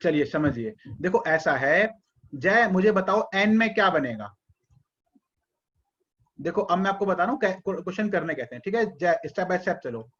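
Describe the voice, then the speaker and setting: A man's voice: high-pitched, animated, measured pace, a bit bright, dull audio. A male teacher running an online class, patiently calling on students by name and coaxing answers out of them.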